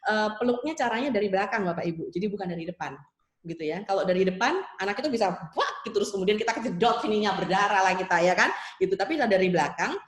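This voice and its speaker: A woman's voice: mid-range voice, animated, very fast, roomy sound. A woman child psychologist answering a question in an online seminar. She explains step by step, uses many tag fillers and acts out soothing lines a parent might say. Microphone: video call.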